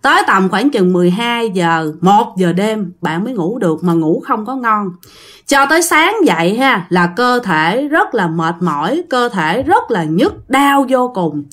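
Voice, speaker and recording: Lively Southern Vietnamese woman storyteller. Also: medium pitch, unhurried. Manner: chatty, talks directly to listeners. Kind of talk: casual ghost story narration.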